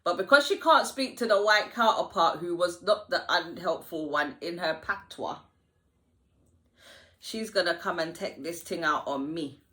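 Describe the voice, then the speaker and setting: A woman, telling a story to her viewers in a lively vlog chat with slang and dialect voices. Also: on the low side, unhurried. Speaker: vlogger. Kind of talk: storytime while getting ready. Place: home.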